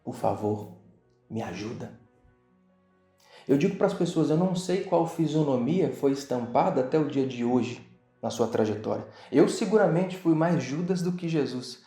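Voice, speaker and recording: A Brazilian man who is a guest on an interview, telling a motivational story in an animated, dramatic way and acting out other people's lines. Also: on the high side, moderate pace. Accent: Brazilian Portuguese. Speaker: interview guest, business owner. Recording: echoey room with faint music.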